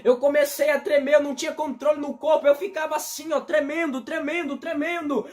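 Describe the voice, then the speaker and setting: A young man giving a fervent evangelical testimony, repeating himself and breaking into shouts. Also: very high-pitched, fairly even intonation, fairly quick, faint music behind. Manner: fervent, repetitive, bursts into shouting. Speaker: testimony preacher.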